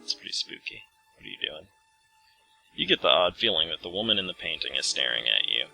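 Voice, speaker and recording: A man's voice: extremely low pitch, sing-song, brisk, gravelly, sharp tone, soft background music, low-quality recording. A man hosting a let's play with casual, rambling, self-deprecating game commentary.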